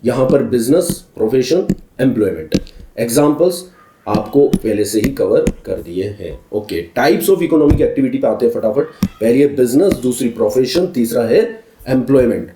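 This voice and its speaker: Male commerce tutor, dark mellow tone, echoey room, brisk list-repeating delivery. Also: mid-range voice, animated. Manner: mixes English terms into Hindi explanations, addresses students as children; brisk, repeats key terms as lists. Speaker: commerce teacher. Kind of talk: recorded class lesson.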